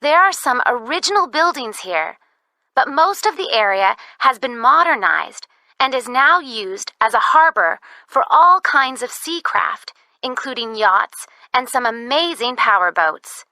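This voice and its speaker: A woman playing the announcer of a recorded phone message, giving scripted tourist information in a measured way. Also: on the high side, big pitch swings, pushed and bright, dry recording, exaggerated voice. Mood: informative, upbeat. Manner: measured, clearly scripted presentation. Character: woman announcer on a bus tour information line.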